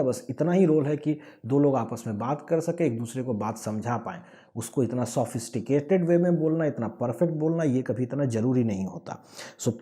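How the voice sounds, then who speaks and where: Dark-voiced Bihari man teaching. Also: medium pitch. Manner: explains with everyday examples, lively emphasis. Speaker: English teacher. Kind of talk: online lesson lecture.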